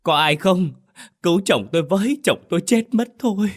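A man putting on a shrill, frantic older village wife in a spoken horror story, her voice climbing high and loud as she cries out for help. the high, strained calls are pushed well above the narrator's own deep voice. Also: expressive, normal speed. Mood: panicked.

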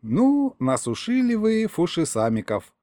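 A man's voice: high voice, wildly swooping pitch, unhurried, warm tone, no room sound, studio quality, voice pushed up, heavily acted. A man voicing a growling furry alien male commander-in-chief who talks gloomily in a storybook reading. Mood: gloomy. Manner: gloomy, grumbling.

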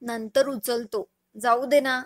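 A playful young husband who teases his wife fondly, as a woman reader puts him on. The voice sits high and the lines come slowly, like a storybook read aloud. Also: steady tone. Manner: teasing, fond. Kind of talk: storybook reading.

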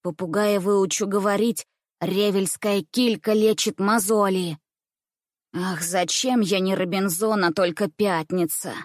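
A woman voicing a small, stubborn little boy who squeaks and grumbles, in a storybook reading. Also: fairly even intonation, unhurried, dry recording, clean studio sound, close to an everyday voice. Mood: grumbling. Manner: squeaky when defiant, grumbling.

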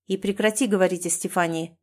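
A woman's voice: medium pitch, steady tone, fast talker, lightly acted. Woman voicing: domineering husband, cold commands, audiobook reading. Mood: angry. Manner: harsh, commanding, through gritted teeth. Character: angry domineering husband, hissing threats.

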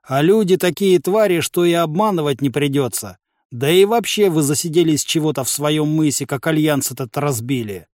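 A man voicing a big battle-hungry warrior who drawls slowly with a booming tone. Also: a little mellow, no room sound, studio quality, natural voice. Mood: gleeful.

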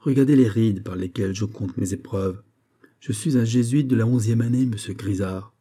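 A man playing a dying old Jesuit general who speaks sternly and imperiously, with a husky voice. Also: on the low side, normal speed, dark tone. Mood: solemn.

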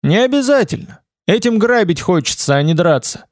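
A man reading the part of a calm, seasoned male wanderer-warrior, speaking in a cool, matter-of-fact way. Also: high voice, moderate pace, dry recording, clean studio sound, pitched above the performer's own voice. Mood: coolly explaining. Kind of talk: audiobook character reading.

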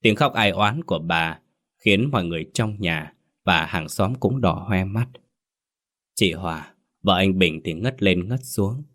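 A man giving scripted horror narration in a measured, somber way. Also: deep voice, expressive, fairly bright tone. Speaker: storyteller.

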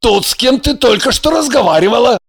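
A man playing a gruff, irritable secret agent in an audiobook, brusque and barking. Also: very high voice, expressive, brisk, no echo, studio quality, heavily acted. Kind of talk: audiobook character reading.

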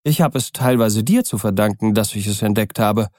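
A man voicing a calm, polite gentleman in an audiobook, in a mild conversational tone. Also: lowish voice, normal speed, no echo, clean studio sound, close to an everyday voice. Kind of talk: audiobook character reading.

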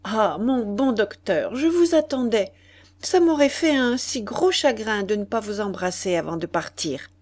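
A woman's voice: medium pitch, lively intonation, measured pace, a little mellow. A woman reading an audiobook voices an earnest, anxious young man. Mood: affectionate. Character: anxious young man, impatient then affectionate.

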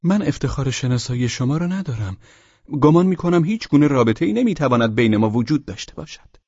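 A man voicing a bold, arrogant young man of about nineteen who speaks in a measured, haughty way in an audiobook. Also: mid-range voice, animated, a little mellow, breathy edge, no echo, lo-fi sound, pitched above the performer's own voice. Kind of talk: audiobook character voice.

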